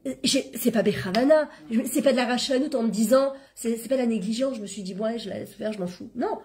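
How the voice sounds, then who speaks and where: A middle-aged woman leads an informal spiritual lesson, her voice sitting a little high. She tells stories from her own life in a chatty, animated way and slips Hebrew terms into her French. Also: fast talker. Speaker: Torah class teacher and coach.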